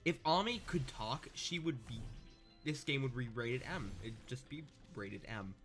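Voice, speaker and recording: The young gamer talks at a measured pace in a medium-pitched, fairly bright voice with lively intonation. Over faint game music, his let's-play commentary stays sarcastic and casual, full of joking digressions and sentences left unfinished.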